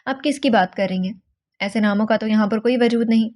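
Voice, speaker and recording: A woman voicing a quiet, obedient housemaid who speaks softly and with restraint. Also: fairly high pitch, natural voice. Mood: restrained. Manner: soft and restrained.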